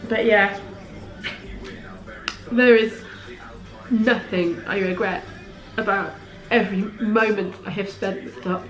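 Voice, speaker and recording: A woman's voice: medium pitch, fairly even intonation, takes it slowly, pauses often, highs cut off, faint music behind. A woman, talking candidly to camera as a parenting vlogger, chatty and heartfelt with rambling asides. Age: late 30s. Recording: roomy echo in a home room.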